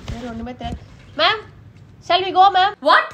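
A woman's voice: very high-pitched, very animated, measured pace, background noise. A young woman acting out different types of schoolgirls in a comedy sketch, pleading, bossy and sarcastic by turns.

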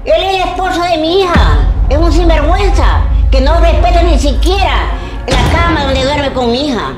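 A woman's voice: high-pitched, lively intonation, normal speed, echoey room. An actress playing a stern, possessive mother-in-law who scolds and accuses in a melodramatic web drama, with music playing behind her. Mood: indignant. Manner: scolding, indignant.

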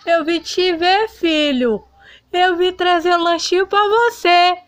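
A woman's voice: very high voice, takes it slowly, fairly bright tone, dry recording, soft background music, voice pushed up, heavily acted. A woman voicing Griselda, a proud single mother who raised her children alone, in a homemade doll soap opera. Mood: pleading. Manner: stubborn, insistent. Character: hardworking single mother, abandoned by husband, proud. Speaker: doll novela character.

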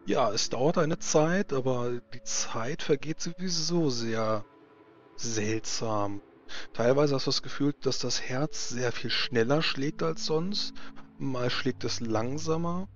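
A man's voice: medium pitch, slow pace. A man narrating a tabletop role-playing game as game master, searching for his descriptions. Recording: slightly muffled mic with faint noise.

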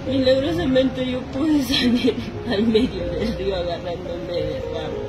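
A woman's voice: on the high side, a little slow, rough recording. A woman from Peru, the mother of a missing girl, crying and pleading for help at night outdoors by a river, her voice breaking as she repeats her requests. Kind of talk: tearful on-site plea to camera. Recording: music heavily mixed under.

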